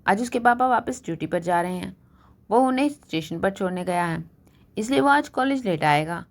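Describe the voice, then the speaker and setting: A woman's voice: medium pitch, animated, moderate pace, natural voice. A woman voicing a sensible young female college student who explains things plainly in a storybook reading.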